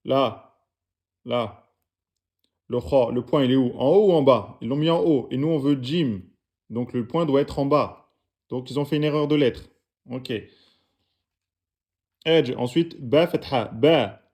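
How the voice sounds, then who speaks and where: A man's voice: medium pitch, measured pace, pauses often, a little mellow. A man teaching the Arabic alphabet, patiently correcting written exercises and spelling out each letter and vowel aloud. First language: French-speaking audience.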